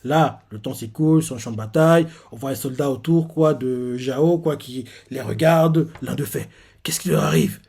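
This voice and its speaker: A man's voice: mid-range voice, normal speed, few pauses, dark tone, slightly rough. Man rambling through a manga recap. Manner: rambling, many fillers and restarts. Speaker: manga reaction host. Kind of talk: casual recap narration.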